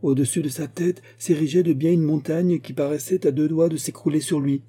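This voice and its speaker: A man reading a fantastic folk tale aloud as narrator, in a lively storytelling manner. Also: on the high side, fairly quick, husky. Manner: lively storytelling, voicing the grandfather's lines.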